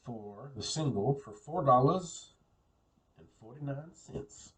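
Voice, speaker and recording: Relaxed man musing off-mic. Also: mid-range voice, slow pace, far from the mic, low-quality recording. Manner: relaxed, musing, repeats himself. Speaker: beer reviewer. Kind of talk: casual solo review.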